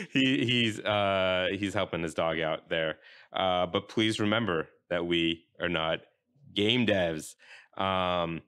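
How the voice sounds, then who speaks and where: A young man hosting a casual podcast, rambling and halting with many fillers. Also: low voice, sing-song, fairly bright tone. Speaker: podcast host.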